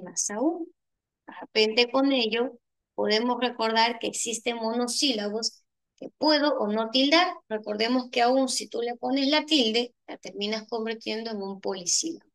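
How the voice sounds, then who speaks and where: A woman with a Peruvian Spanish accent explains a grammar exam answer by answer, like a teacher at the board. Her voice sits fairly high and has a gravelly edge. She keeps checking in with the listener through rhetorical questions. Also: fairly bright tone. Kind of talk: exam solution lesson.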